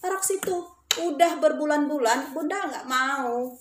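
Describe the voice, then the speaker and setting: High-voiced animated woman. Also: measured pace, slight background noise. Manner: animated, emotional, acts out quoted voices. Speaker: teacher and former school principal. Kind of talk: storytelling in casual conversation. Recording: roomy echo.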